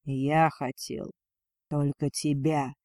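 Narrator doing a domineering dragon lord, slow contemptuous lines, dry sound. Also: male voice, on the high side, steady tone, a little mellow, no echo. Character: cold cruel male dragon lord, domineering.

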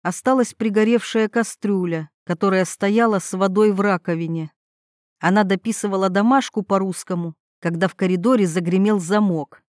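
A woman narrating a storybook in a measured, even way, with a voice of ordinary pitch for a woman. The recording is dry and close, with no room sound. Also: dry recording.

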